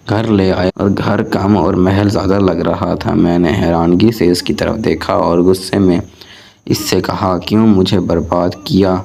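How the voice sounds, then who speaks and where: Deep low guy reading a sad story, super even monotone delivery, slow and solemn. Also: vocal fry. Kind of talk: scripted first-person story narration.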